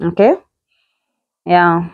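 Speaking very slowly and steadily in a lowish voice, a young woman with a Kenyan accent gives an admiring, chatty tour of a tiny bedsitter, slipping Swahili slang into her English. The handheld phone audio is narrow and tinny, with no room sound.

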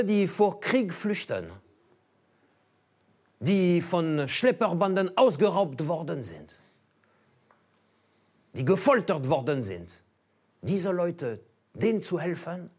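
A man's voice: on the high side, slightly rough. A man in his fifties with a French accent, a comedian doing a playful, mock-naive stand-up monologue on a small cabaret stage with a lapel mic. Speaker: comedian and show host. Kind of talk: stand-up monologue and street interviews.

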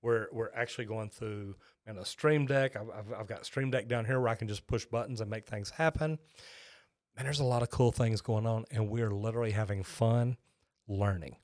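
At a normal speed and with a slightly mellow tone, a Texan master plumber in his 50s chats with live-stream viewers, folksy and rambling, with plenty of restarts. He's close on a boom-arm mic in a small, shelved home studio, and there's no room sound at all.

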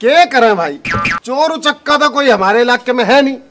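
Brief: man as a blustering village cop, very high voice, comedy skit. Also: expressive, normal speed, fairly bright tone, no echo. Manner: blustering, comic rustic banter. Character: bumbling corrupt village police inspector, man.

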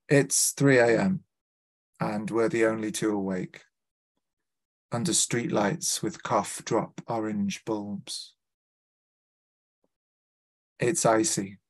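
A man from Liverpool with a Scouse accent, a poet reading his work aloud and introducing each poem with a few hesitant fillers. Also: fairly low pitch. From Liverpool, England. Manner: measured, deliberate reading with small hesitant fillers between poems. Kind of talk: live poetry reading with spoken introductions. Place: literary festival event.

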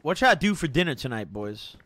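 This young adult guy speaks briskly in a mid-range, slightly bright voice with big swings in pitch. Hanging out on his gaming stream, he keeps it frat-bro and slangy, cursing often and hyping up the "boys" with plenty of "bro" and "dude."

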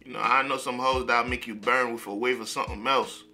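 A man hosting a music reaction video, talking in an excitable, slangy way and often repeating himself. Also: mid-range voice, brisk. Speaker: music reaction channel host. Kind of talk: casual reaction commentary.

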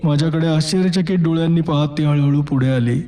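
A man reading a first-person horror story aloud, measured and dramatic with deliberate pauses. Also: a little high, warm tone, soft background music. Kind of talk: scripted horror audiobook narration.

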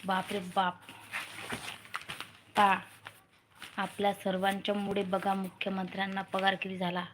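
A woman's voice: medium pitch, completely flat delivery, a little slow, background noise. Woman chatting on a home live stream. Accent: Marathi from Vidarbha region. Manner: urges viewers to comment, chats with family off-camera. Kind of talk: casual live-stream chat. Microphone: phone.

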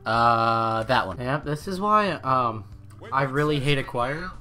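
A man's voice: medium pitch, animated, measured pace. A young man giving casual gaming commentary for his channel, joking, teasing his friend and swearing casually. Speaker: gaming YouTuber.

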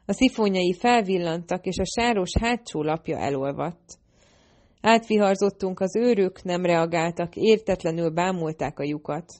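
Audiobook narrator, woman, slightly low voice, steady first-person fantasy reading.

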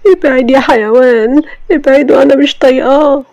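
A woman with an Egyptian accent voicing a distraught, defiant young woman who shouts through tears in a romance story. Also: sits high, fairly even intonation, a little fast, no room sound, dull audio, voice pushed up. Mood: angry, distraught. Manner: tearful shouting.

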